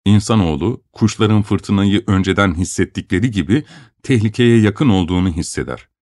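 A man reading a first-person story aloud in an expressive, measured storytelling manner. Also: on the low side, dry recording. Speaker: narrator.

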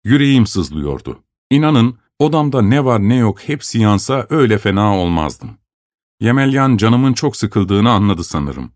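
A man reading a first-person story aloud in an expressive, measured storytelling manner. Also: on the low side, no echo, studio quality. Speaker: narrator.

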